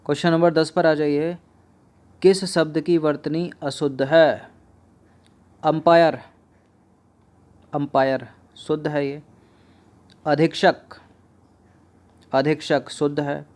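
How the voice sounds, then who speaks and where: A man in a slow, patient teaching delivery with a slightly raised voice. He drills exam spelling, saying each word over and over as he corrects it. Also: a little high, level tone, a little mellow. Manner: slow, repeats each word several times while explaining. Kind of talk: spoken Hindi spelling lesson.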